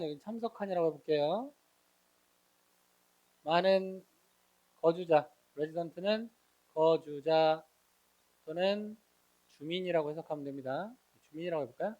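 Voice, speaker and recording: A man's voice: fairly high pitch, darkish tone, rough recording. A man teaching an English grammar lesson, explaining each example and answering his own questions. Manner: explanatory, asks students questions and answers them himself; reads English example sentences slowly and carefully. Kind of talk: grammar lecture.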